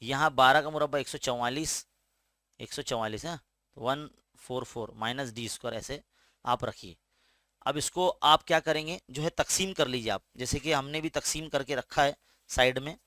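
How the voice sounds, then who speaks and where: A man with an Indian Urdu-medium accent teaches a school maths lesson step by step, patiently checking in with students and often asking "है ना?". His medium-pitched voice is pushed and bright at a moderate pace, in a dry, studio-quality recording.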